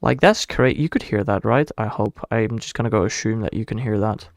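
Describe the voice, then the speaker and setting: A lowish, fairly quick voice with a Dutch accent comes through in studio quality with no room sound at all. The man, from the Netherlands, chats casually on a live stream, rambling in a self-deprecating way and restarting as he thinks aloud.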